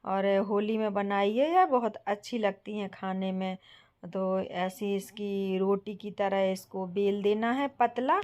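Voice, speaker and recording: Woman, young adult, from bundelkhand, cooking vlog host, gentle step-by-step explaining, mid-pitched voice. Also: slow, highs cut off. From Bundelkhand, India. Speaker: home cooking channel host. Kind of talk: casual cooking tutorial.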